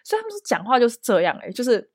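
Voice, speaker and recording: A young woman with a Taiwanese Mandarin accent chats on a podcast, telling stories at a fast clip. Her pitch sits a little high and swings widely. The close mic gives a dry sound. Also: no echo. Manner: animated storytelling, acting out family quotes. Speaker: guest. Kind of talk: casual podcast chat.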